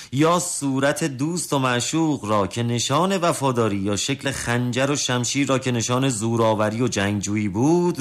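A man reading a storybook tale aloud in an expressive, lively narrating voice. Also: medium pitch.

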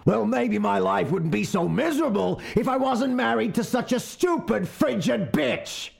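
A man putting on a shrill, bitter husband. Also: lively intonation, moderate pace, gravelly, husky, exaggerated voice. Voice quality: shrill strained voice. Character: bitter quarreling husband next door.

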